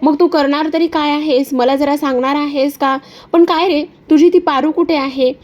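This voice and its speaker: A woman's voice: high-pitched, fairly even intonation, normal speed, a little mellow, pitched above the performer's own voice, close to an everyday voice. A woman doing a taunting young villainess. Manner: mocking, needling.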